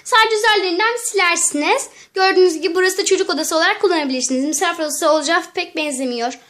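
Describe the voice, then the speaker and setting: A woman's voice: very high voice, racing, fairly bright tone. A woman voicing a polite but pushy female estate agent in a doll play, salesy and repetitive. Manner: salesy, repeats herself.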